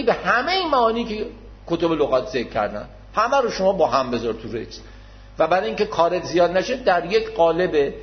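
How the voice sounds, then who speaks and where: A man giving an explanatory religious lecture, speaking patiently and formally to his listeners, repeating key words to make his point. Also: on the high side. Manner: modest, addresses listeners formally. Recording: dull lo-fi recording.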